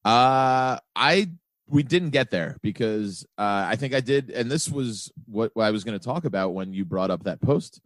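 A man's voice: medium pitch, expressive, moderate pace, no echo. A man of forty, a guest on a podcast, chatting casually in an easygoing, joking, rambling way. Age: 40s. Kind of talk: casual chat.

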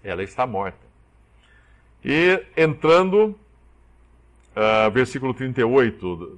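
Animated man preaching a sermon. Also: mid-range voice. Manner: animated, acts out quoted dialogue.

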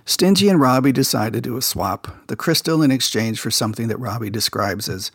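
Brisk and husky, this man's medium-pitched voice comes through a dry recording of studio quality. He hosts a podcast where he casually recaps an episode of a children's show and recounts production details from behind the scenes, like a relaxed insider.

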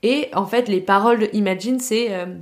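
A woman's voice: medium pitch, a little fast. A young woman from France hosting a casual solo podcast, talking in a chatty, slangy way full of filler words. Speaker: podcast host.

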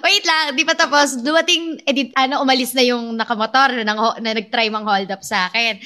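A young Filipino woman with a loud voice, telling a story animatedly in casual chat. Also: fairly high pitch, steady tone, a little fast.

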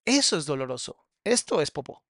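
A man's voice: a little high, very animated, brisk, a bit bright, no echo, studio quality. A man with a Mexican accent, giving mocking, crude, sarcastic reaction commentary as a psychologist.

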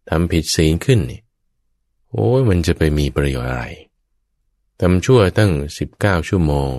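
A man with a very low, deep voice preaches a Buddhist sermon, speaking straight to his listeners again and again. He tells it with vivid sound words and playful asides. The sound is close and dry, with no room echo. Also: big pitch swings, normal speed, gravelly, warm tone. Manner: keeps addressing the listeners directly.

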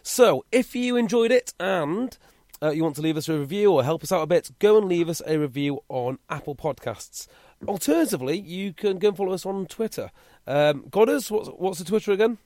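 A man's voice: high-pitched, lively intonation, a little fast, a little mellow, dry recording, clean studio sound. A male podcast host wrapping up the show in an upbeat, chatty way. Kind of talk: podcast sign-off.

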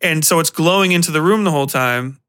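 A podcast host with a slightly high, forceful voice and quick pace rants about films in casual, animated commentary. He's opinionated, slangy and profane, swearing freely.

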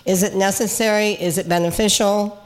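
A woman's voice: medium pitch, steady tone, normal speed, poor audio. An older woman from Cape Breton with a Canadian accent, speaking as a regional councillor in a conversational political interview, assertive and plain-spoken.

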